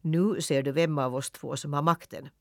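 A man voicing a sly, cruel farm cat with a soft, smooth, mocking voice in a storybook reading. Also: a little high, fairly even intonation, dry recording, studio quality.

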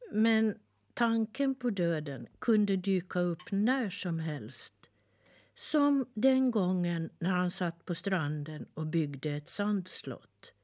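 A woman reading a children's storybook aloud in a gentle, expressive way. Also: sits low. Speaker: narrator.

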